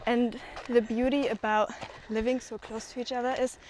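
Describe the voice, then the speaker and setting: A woman community manager chatting casually on a walking tour outdoors, a little out of breath, pausing with ums and laughing easily. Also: a little high, a little hiss or hum. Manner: relaxed, pauses with frequent ums, laughs easily. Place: outdoors on hilly open land.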